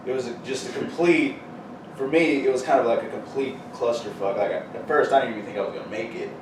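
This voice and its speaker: A man with a Texan accent, a metal band's bassist, talking haltingly as a guest in casual chat. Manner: halting, full of "you know" fillers. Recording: echoey room, distant mic, noisy.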